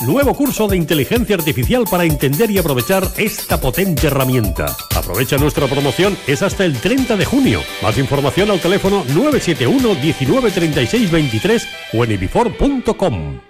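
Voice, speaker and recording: A man's voice: a little high, big pitch swings, a little fast, over music. A man reading a scripted radio ad. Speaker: ad announcer.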